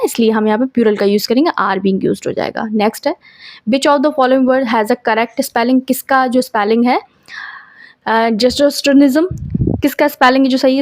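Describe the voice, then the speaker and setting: Woman, exam-prep grammar lesson, slightly high voice, dry close sound. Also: no echo. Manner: explains in Hindi, reads English questions slowly, asks and answers herself. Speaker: English grammar teacher.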